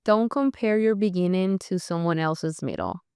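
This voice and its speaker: Woman podcast host, chatty and encouraging, clear smooth voice, dry sound. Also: fairly low pitch, normal speed, a little mellow, no echo. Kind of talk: casual interview chat.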